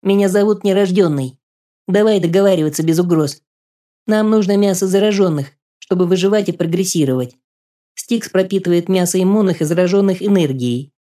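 A man voicing an eerie, detached mutant infant creature with a thin, squeaky, childlike voice in an audiobook. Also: fairly quick, lightly acted. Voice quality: squeaky, piping. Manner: flat, detached, terse. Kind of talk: audiobook character voice.

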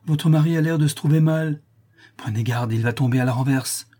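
A man's voice: fairly high pitch, a little fast, dark tone, voice pushed up, lightly acted. A man voicing a curious, gossiping older woman who exclaims. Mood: nosy.

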